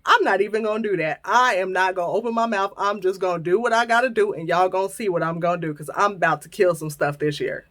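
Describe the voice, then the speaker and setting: A woman's voice: mid-range voice, fast talker, hardly any pauses. Chatty thirty-something woman vlogger. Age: 30s. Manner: lively, chatty, playful storytelling. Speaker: channel host. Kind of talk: casual chat to viewers.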